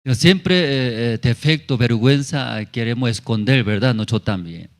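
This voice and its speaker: A man's voice: mid-range voice, moderate pace. A male pastor giving a sermon testimony in simple, broken phrasing, often checking in with tag questions. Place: church in La Paz.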